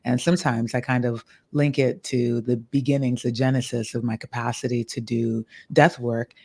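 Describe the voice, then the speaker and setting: Calm reflective woman in her forties. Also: rumbling low, moderate pace, vocal fry, breathy edge. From Ghana. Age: 40s. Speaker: guest, author and death doula. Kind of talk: podcast interview.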